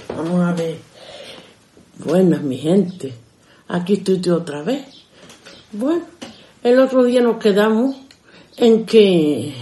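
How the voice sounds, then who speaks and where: A woman's voice: fairly low pitch, warm tone. An older woman casually telling stories from her youth, chatty and homely, addressing her listeners directly. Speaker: storyteller. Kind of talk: casual storytelling of memories. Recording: roomy echo.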